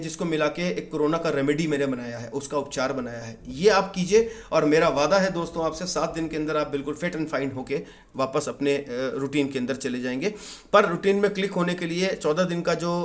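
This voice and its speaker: Calm man giving wellness advice. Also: fairly high pitch. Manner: calm advice mixing Hindi and English, addresses viewers as friends. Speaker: wellness presenter. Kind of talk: informal health talk to camera.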